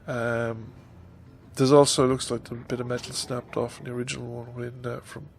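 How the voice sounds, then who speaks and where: This Irish YouTuber, a man in his fifties with a head cold and stuffy nose, rambles hesitantly with many ums during a casual vlog update at his stand-mounted desk microphone. His gravelly, medium-pitched voice is flat and moderately paced, and there's a little hiss or hum.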